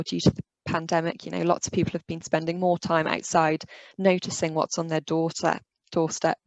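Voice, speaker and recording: A woman working as a biodiversity officer walks through her slides in an easygoing webinar talk, with plenty of "um" and "you know." Her voice is croaky and gravelly, and her pitch stays flat. The recording is dry and close. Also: dry recording, low-quality recording. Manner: relaxed, conversational, with frequent "um" and "you know". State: voice going croaky.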